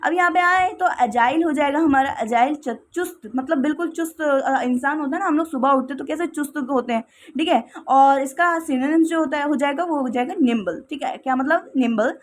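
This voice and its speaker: A woman's voice: sits high, a little fast. A woman teaching English vocabulary in a casual classroom style, repeating "okay" often and explaining with everyday examples.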